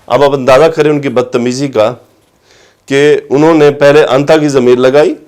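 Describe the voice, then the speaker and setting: Man, grammar lesson, slow recitation, explains each word, rises to stress points, mid-pitched voice. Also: steady tone, darkish tone, smooth. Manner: recites Arabic slowly, then explains in Urdu. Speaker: Quran grammar teacher. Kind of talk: lecture on Arabic grammar and tafsir.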